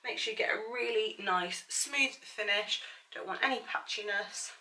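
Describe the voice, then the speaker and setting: A woman's voice: mid-range voice, normal speed, pushed and bright, poor audio. A woman chatting casually through a makeup tutorial in a bubbly, gushing manner, with a slight lisp on her s sounds. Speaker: beauty vlogger.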